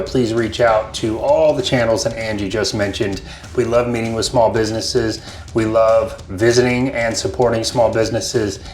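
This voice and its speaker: A man co-hosting a show, chatting casually and enthusiastically as he tastes hot sauces. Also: fairly low pitch. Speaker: co-host of a local food and small business show. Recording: roomy echo with music.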